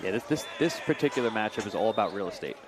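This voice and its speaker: A man's voice: on the low side, lively intonation, rapid-fire. A man giving conversational, technical fight analysis as a live commentator. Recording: music behind the commentary.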